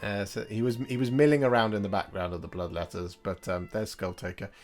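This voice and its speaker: A man hosting a casual hobby chat, talking through his own work in a relaxed, joking way. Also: lowish voice, fairly quick, faint music behind.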